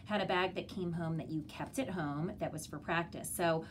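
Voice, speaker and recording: A woman's voice: fairly low pitch, steady tone, normal speed, slight background noise. A woman kindergarten teacher giving parents an instructional walkthrough, explaining things simply, step by step.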